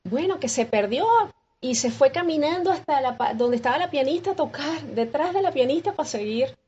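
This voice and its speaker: A Venezuelan woman with a Venezuelan accent, a guest musician recounting her story in an interview with lively acted-out dialogue and frequent restarts. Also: high-pitched, brisk, muffled recording. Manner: expressive, acts out quoted dialogue with many restarts.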